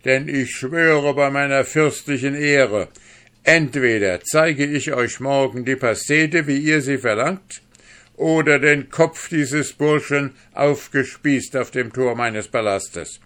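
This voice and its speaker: A man voicing a furious, arrogant duke who shouts threats in an audiobook reading. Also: medium pitch, takes it slowly, voice pushed up. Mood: vowing wrath. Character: furious arrogant duke, male adult ruler.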